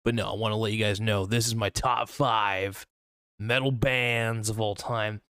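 A man's voice: mid-range voice, dry recording, clean studio sound. A man hosting a podcast, talking in a sarcastic, mock-boastful monologue that rambles with hesitant fillers, sitting at a computer. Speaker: podcast host. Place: at a computer, screen-sharing.

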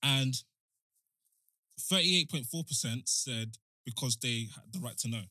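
A man's voice: medium pitch, a little slow, pushed and bright, no echo. A young man with a London accent, co-hosting a podcast in casual chat and reading out figures. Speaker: podcast co-host.

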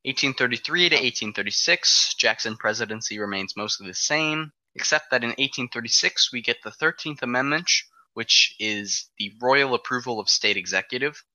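Bright-voiced man explaining a timeline. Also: mid-range voice, moderate pace, hardly any pauses, no echo, rough recording. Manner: walks through dates step by step, frequent ums. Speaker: presenter of an alternate history timeline. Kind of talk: casual explanatory podcast talk.

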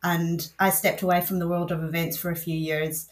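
Chatty Scottish woman, lowish voice. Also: level tone, moderate pace. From north of Scotland. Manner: chatty, storytelling, laughs easily. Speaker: guest, events association general manager. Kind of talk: casual podcast interview.

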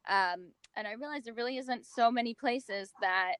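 A woman from the States, a magazine founder, talking casually as an interview guest and pausing often with fillers and restarts. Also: on the high side, a bit bright, smooth. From United States. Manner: hesitant, many fillers and restarts.

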